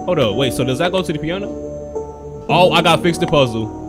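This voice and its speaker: A man's voice: on the high side, animated, fast talker, over loud music. A young American man giving casual, slangy gameplay commentary as a streamer, reacting aloud into a close microphone. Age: young adult. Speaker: gaming streamer. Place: small indoor bedroom setup.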